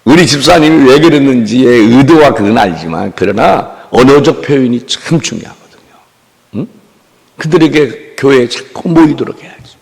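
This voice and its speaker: A man's voice: mid-range voice, animated, normal speed, gravelly, a little mellow. A man preaching a revival sermon in a church sanctuary, calling for amens and acting out the people he describes. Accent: Korean. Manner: call-and-response preaching with mimicry. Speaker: pastor. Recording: long reverb of a church hall.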